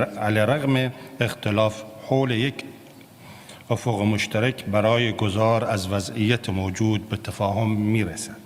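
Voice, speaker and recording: A man with an Arabic accent in his Persian gives a formal prepared political speech, halting and often repeating words. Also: on the low side. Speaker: political party representative, congress speaker. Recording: noisy echoing hall sound.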